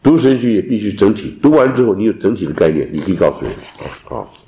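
Lively deep-voiced man lecturing theology. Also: fast, muffled recording, slight background noise. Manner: animated lecturing, mixes in English terms. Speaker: theology teacher. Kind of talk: classroom lecture. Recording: roomy echo.

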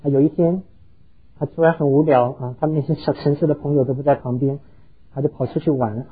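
A man's voice: fairly high pitch, steady tone, fast, slightly rough, narrow, tinny audio. A pastor preaching a sermon, earnestly telling stories and slipping English words into his talk. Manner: earnest, heartfelt storytelling.

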